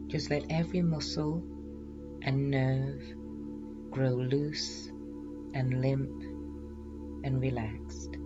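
Calm, meditative woman hypnotherapist, muffled recording. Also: a bass voice, drawn-out words, long pauses, loud music behind the voice. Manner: calm, meditative, soothing delivery. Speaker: hypnotherapist and weight loss coach, podcast host. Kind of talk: guided self-hypnosis session.

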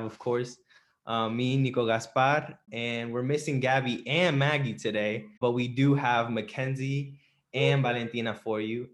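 A young man hosting a podcast, introducing the show and guest in a friendly, casual way. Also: medium pitch. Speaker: podcast host.

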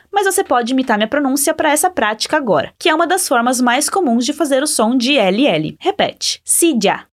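A young adult woman with a Brazilian Portuguese accent, hosting a podcast pronunciation lesson as a Spanish teacher, encouraging the listener and slowly modelling phrases for them to repeat. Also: high voice.

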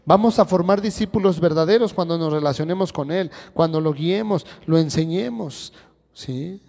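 A man's voice: fairly high pitch, normal speed, creaky, a little mellow. A man teaching a sermon to a congregation, firing rhetorical questions at them one after another. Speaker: church teacher. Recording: long reverb of a church hall.

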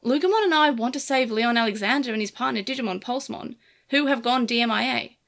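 A woman's voice: fairly high pitch, quick pace, a bit bright. A woman voicing a wary young male code cracker who speaks carefully. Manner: careful, guarded.

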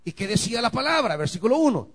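Fervent high-pitched pastor. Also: male voice, sing-song, fast talker, husky. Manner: swings from quiet asides to shouted emphasis, calls to the congregation. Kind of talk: sermon.

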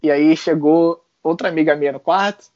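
A man with a Brazilian Portuguese accent, an interview guest telling a personal story in a casual, animated way with frequent laughs and slang. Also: a little high, moderate pace, no room sound. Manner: animated, laughs often, mixes in colloquial slang. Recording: dull lo-fi sound.

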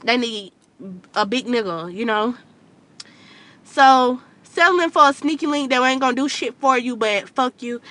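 Blunt, bright-voiced woman ranting in a car. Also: on the high side, no room sound. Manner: blunt, profane, preachy advice with laughs. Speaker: podcast host. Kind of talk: casual rant to listeners. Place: in a car late at night.

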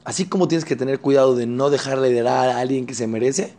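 A male teacher leads a religious class. He talks in an animated way, jumping into the voices of the people in his examples. His pitch sits in the middle range. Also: fast talker. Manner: animated, acts out quoted people. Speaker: Torah teacher. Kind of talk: religious lesson.

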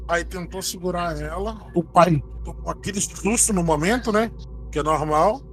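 A man's voice: high voice, moderate pace, faint music behind. A man with a Brazilian accent telling a spooky story to friends in a casual chat, acting out the quoted lines. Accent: Brazilian Portuguese. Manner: animated retelling, acts out quoted lines.

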